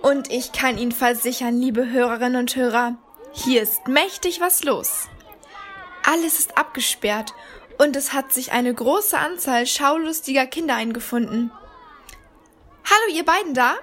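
A woman's voice: high-pitched, unhurried, a bit bright, slight background noise. A woman voicing a bubbly female radio reporter talking to her listeners. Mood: eager.

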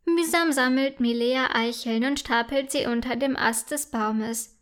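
A woman telling a children's story, gentle and clear. Her voice sits high and her reading is slow and careful, with clean, expressive phrasing made for young listeners. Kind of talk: scripted children's story narration.

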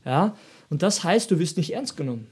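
A man's voice: on the high side, animated, a little fast, darkish tone, slightly rough. A man from Austria talking in a casual podcast chat, rambling and reflective with many restarts. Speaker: podcast co-host.

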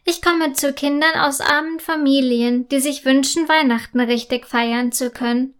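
A woman voicing a kind, gentle little Christmas angel girl in a children's story, in a soft, reassuring tone. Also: high-pitched, steady tone, normal speed, natural voice.

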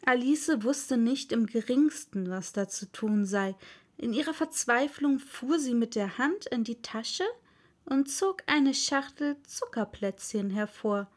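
A woman narrating a children's storybook in a calm, clearly articulated reading. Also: fairly high pitch, takes it slowly. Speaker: audiobook reader.

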